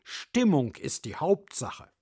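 A man voicing a cozy owl in a storybook fable, with a soft hooting tone. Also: on the high side, wildly swooping pitch, slow, breathy edge, heavily acted. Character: cozy owl who loves dim light.

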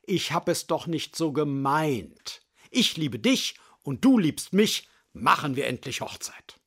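A man doing a gruff, proud woodpecker suitor. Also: on the high side, expressive, takes it slowly, fairly bright tone, exaggerated voice. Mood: coaxing. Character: proud hot-tempered male woodpecker suitor.

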